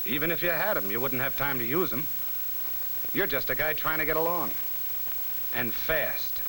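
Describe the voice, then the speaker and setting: A man's voice: fairly high pitch, normal speed, pushed and bright, slight background noise, low-quality recording. A man playing a blunt military instructor in a 1950 civil defense training film, with an American accent and slangy, scripted delivery. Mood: brisk, pointed. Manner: blunt, slangy, hard-boiled. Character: blunt, wisecracking military instructor drilling servicemen. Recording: vintage 1950 film soundtrack with music.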